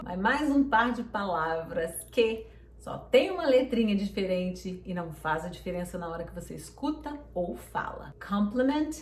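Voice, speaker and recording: A woman giving an online English pronunciation lesson, patiently repeating words slowly. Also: mid-range voice, slight background noise. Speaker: English teacher. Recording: roomy echo, mic at a distance.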